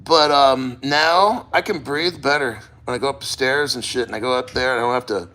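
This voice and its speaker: A man's voice: medium pitch, a little fast, bright, forceful tone, poor audio. A man talking casually in a first-person vlog, rambling and plain-spoken with frequent swearing. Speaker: vlogger. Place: sitting in a cold plunge.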